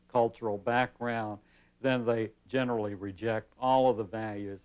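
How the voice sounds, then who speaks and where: Measured male expert guest, mid-pitched, explaining at an easy pace, through a dull worn tape copy. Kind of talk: explaining to a TV panel.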